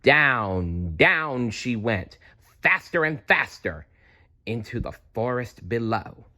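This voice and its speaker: A man reading a children's storybook aloud as narrator, in a dramatic, deliberate way. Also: medium pitch, very animated, pushed and bright. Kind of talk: expressive children's read-aloud.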